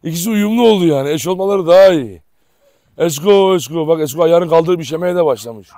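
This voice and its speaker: A man's voice: fairly high pitch, lively intonation, fairly quick, no echo, studio quality. A man filming on his dog farm, chatting casually to viewers and calling commands to the dogs, with barking behind him. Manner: affectionate, shouts commands at dogs. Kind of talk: casual commentary while handling dogs.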